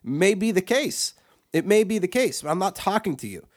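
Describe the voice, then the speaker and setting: A man's voice: high-pitched, very animated, normal speed. A man co-hosting a podcast, ranting crudely and profanely, with frequent restarts and repeated words. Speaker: podcast co-host. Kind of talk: crude comedic rant.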